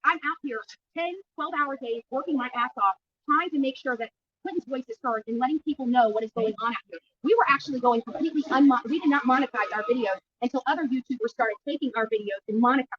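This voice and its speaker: A YouTube livestreamer and missing-person activist gives an impromptu press interview at a county jail, speaking fast in a high-pitched, fairly bright voice. She sounds emphatic and indignant, repeating her phrasing, and the lo-fi recording places her far from the mic.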